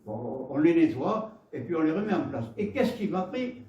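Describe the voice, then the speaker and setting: A man's voice: on the high side, sing-song, echoey room, distant mic, lo-fi sound, a little hiss or hum. A man with a Gascon French accent preaching a sermon, often stumbling and repeating words as he tells homely stories. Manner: halting, repeats words, warm storytelling asides. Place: church hall.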